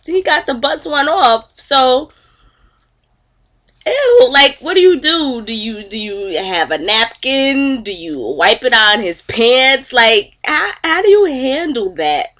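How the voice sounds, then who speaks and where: A woman in her thirties vlogs from home, gossiping to camera while congested and nasal from a cold. Her high, sing-song voice is bright and forceful, and she speaks slowly with chatty, openly disgusted commentary.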